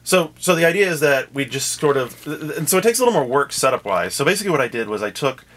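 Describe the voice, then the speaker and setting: A man's voice: mid-range voice, sing-song, quick pace, fairly bright tone, poor audio. A man hosting a casual behind-the-scenes podcast chat, rambling and wry as he lays out plans for the show. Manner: rambling, wry, self-interrupting. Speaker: podcast host planning the show.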